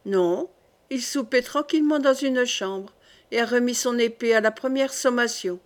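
A woman's voice: a little high, normal speed, close to an everyday voice. A woman voicing a dutiful male officer in an audiobook, formal and matter-of-fact.

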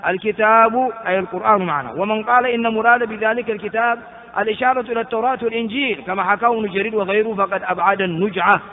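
High-voiced man teaching, tinny echoey recording. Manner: slow chanted recitation of verses and poetry between explanations; frequent restarts and rhetorical questions. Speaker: Islamic scholar teaching tafsir. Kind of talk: classroom lesson on Quran exegesis. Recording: tinny phone-like recording with long reverb.

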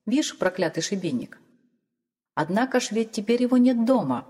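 Brief: woman reading as a sly, cowardly village grumbler, raised pitch, reverberant hall. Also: big pitch swings, normal speed, mellow, slightly rough. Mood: grumbling. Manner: mutters to himself, sly and indignant.

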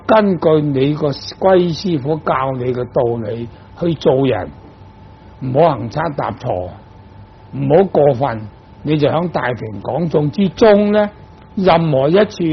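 Older man from guangdong, monk preaching, gravelly, muffled lo-fi tape with faint hiss. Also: on the high side. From Guangdong, China. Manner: explains patiently with rhetorical questions. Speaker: Buddhist monk teaching dharma. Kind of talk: Buddhist sermon.

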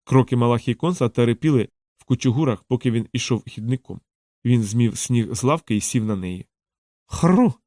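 Calm man reading a novel, dry sound. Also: medium pitch, fairly quick, no echo. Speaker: audiobook narrator. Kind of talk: scripted novel narration.

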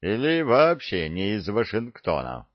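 A mocking male drill sergeant, put on by a male reader barks scornful orders in a low, drawn-out voice. His contempt for the recruits shows in every clipped command. The audiobook recording is dry and dull, lacking highs. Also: wildly swooping pitch, no room sound. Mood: stern. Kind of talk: audiobook character voice.

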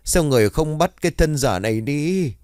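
A man's voice: lowish voice, moderate pace, a little mellow, no echo, clean studio sound, close to an everyday voice. A man voicing a grief-stricken old mother who wails and stammers. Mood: wailing. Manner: wailing, stammering.

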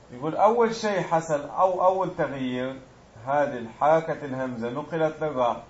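A male teacher walks through a grammar lesson step by step, stopping to put questions to his class. His voice sits a little higher than most men's. The recording is muffled and lo-fi. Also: darkish tone, a little hiss or hum. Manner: explains step by step, quizzing students.

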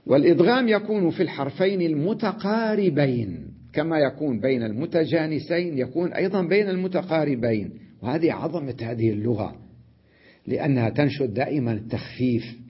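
A man teaching an Arabic grammar lesson, sounding out letters slowly, repeating examples and often checking that the listener follows. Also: fairly high pitch, lively intonation, slightly rough, dull audio. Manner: addresses the listener directly with checks like "notice" and "right?".

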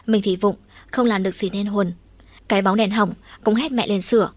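A woman reading a first-person story as an audiobook narrator, in an even, conversational way. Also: mid-range voice, normal speed, no room sound.

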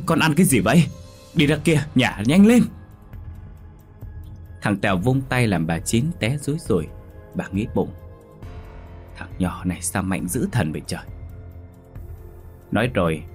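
A man narrating a ghost story in a slow, dramatic manner. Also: low voice.

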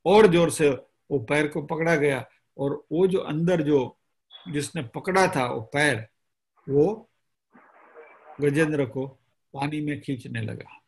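A man giving a spiritual discourse, retelling a scripture story slowly and deliberately, with pauses between phrases. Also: fairly high pitch, husky. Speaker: spiritual teacher.

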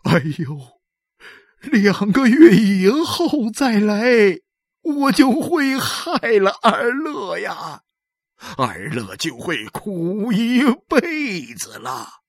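A woman's voice: medium pitch, big pitch swings, very slow, dry recording, exaggerated voice. A woman voicing a poor working man who pleads, stammers and sounds close to tears. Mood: pleading. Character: poor, desperate working man begging for help.

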